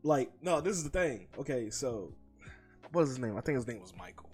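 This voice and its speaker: A young man talks through his views in relaxed street slang, swearing often and tossing in "bro" every few phrases. His voice has an ordinary male pitch, with faint music behind it. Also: fairly quick. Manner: laid-back, slangy, profane, says "bro" often. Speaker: podcast co-host. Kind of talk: casual opinion chat.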